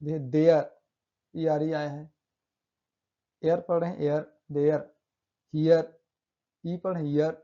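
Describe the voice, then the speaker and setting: A man's voice: on the high side, level tone. Man teaching pronunciation, lo-fi. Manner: repeats example words slowly, with emphatic stresses. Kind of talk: classroom-style explanation.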